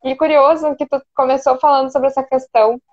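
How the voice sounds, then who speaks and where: A woman's voice: high-pitched, steady tone, a little fast, a little mellow, muffled recording. A woman psychologist as a guest in an interview, chatting and explaining with everyday examples. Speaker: psychologist and couples therapist, guest. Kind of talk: conversational interview.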